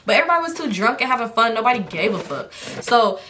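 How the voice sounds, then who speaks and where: A young woman casually telling a storytime, animated and profane, often calling her listeners y'all. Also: fairly high pitch, fast talker, a little hiss or hum.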